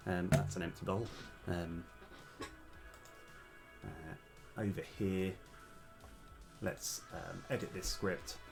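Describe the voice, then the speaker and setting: A man talks through his code while streaming game development live, hesitant and full of ums. His slightly worn voice sits low and creaky, slow and steady, with long pauses, and music plays underneath.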